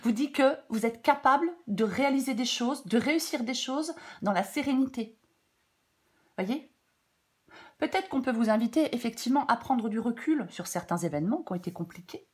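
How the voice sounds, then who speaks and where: Casting: female tarot reader, stuffy-nosed with a cold, informal and halting, breaking off into chatty asides. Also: on the high side. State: congested blocked nose from a cold. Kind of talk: casual off-the-cuff tarot guidance.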